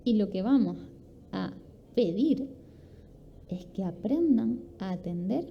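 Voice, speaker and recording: A woman's voice: mid-range voice, lively intonation, slow pace, vocal fry, slight background noise. A woman giving an instructive talk at a sports conference. She explains as she goes, poses rhetorical questions and acts out examples. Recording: dull lo-fi recording with faint ambience.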